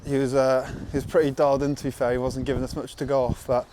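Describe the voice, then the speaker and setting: A man gives a casual vlog update in a middle-pitched voice. He rambles along in a relaxed way over faint background noise. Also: quick pace. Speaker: runner's friend and supporter.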